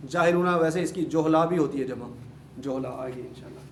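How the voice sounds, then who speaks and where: Man teaching grammar in an echoey room. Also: fairly high pitch. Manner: repeats word forms, drills students with questions. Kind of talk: classroom lesson. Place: classroom. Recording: echoey room, mic far off, faint hum.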